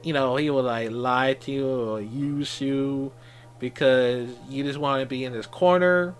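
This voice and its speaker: A man giving a casual off-the-cuff wrestling recap as a fan, halting and repetitive, with slangy exclamations. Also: medium pitch.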